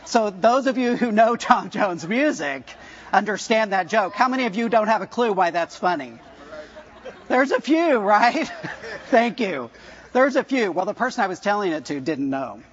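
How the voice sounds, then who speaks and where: The sermon comes from a pastor in his fifties who jokes, chats casually and asks his congregation questions. His high voice is expressive and at normal speed, heard through lo-fi sound.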